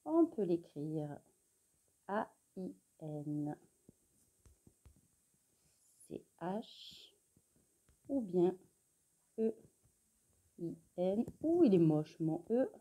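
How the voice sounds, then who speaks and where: Young teacher lady, slow and warm, spelling out letters for little kids, encouraging. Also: fairly low pitch, very animated. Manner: slow, clear dictation, spelling letters one by one; encouraging, addressing the child directly. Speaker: primary school teacher. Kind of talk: remote spelling lesson for young children.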